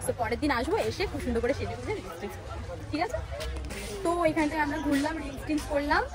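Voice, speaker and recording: A woman's voice: high voice, fast, music in the background. A young woman, hosting a casual travel vlog outdoors and talking straight to her viewers in an upbeat, chatty way. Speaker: vlogger host. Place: outdoors by a riverbank.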